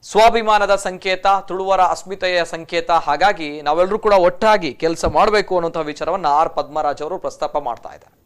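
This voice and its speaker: High-voiced clear male news reporter. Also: normal speed. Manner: formal, repeats set phrases. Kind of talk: news report and phone interview.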